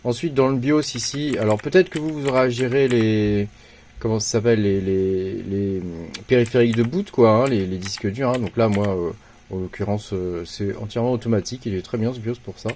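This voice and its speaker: A man's voice: fairly low pitch, a little fast, darkish tone, a little hiss or hum. A man hosting a casual computer tutorial, talking informally with many hesitations and restarts. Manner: informal, slangy. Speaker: tech tutorial host. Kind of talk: casual screen-recorded tutorial.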